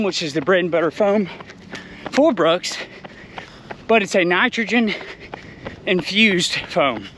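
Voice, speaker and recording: A man's voice: high voice, fairly bright tone. A man giving a casual shoe review outdoors while running, speaking in short phrases. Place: outdoors on a run in an urban area. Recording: outdoor noise with passing vehicles.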